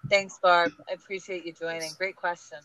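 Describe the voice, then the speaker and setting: A woman guest on a podcast interview, talking in an energetic, emphatic, advice-giving way. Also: fairly low pitch, moderate pace, no room sound. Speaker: guest, small business group leader. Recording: dull lo-fi audio.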